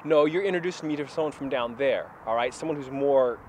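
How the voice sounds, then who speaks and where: An actor playing a naive, hesitant young man looking for street credibility, in a low-budget student film shot outdoors. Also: quick pace, darkish tone, a little hiss or hum, lightly acted. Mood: uneasy. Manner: nervous, hesitant, earnest.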